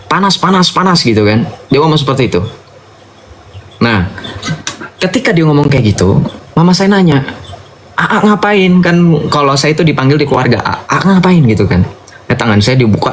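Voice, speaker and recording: Young man, emphatic storyteller, faint background hum. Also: fairly high pitch. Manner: informal, emphatic, addresses listeners as brothers and sisters. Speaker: convert giving testimony. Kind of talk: animated personal testimony.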